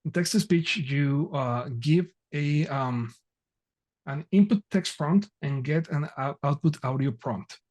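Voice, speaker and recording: A man with a fairly high, slightly mellow voice presents an online technical workshop over a video call. He talks haltingly, with many fillers and restarts.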